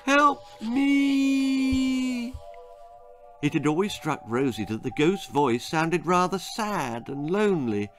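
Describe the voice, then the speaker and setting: An author with a voice on the high side reads his darkly funny, spooky children's story expressively at normal speed with few pauses, soft music behind him. It's a scripted horror-comedy for kids, delivered with drama and suspense.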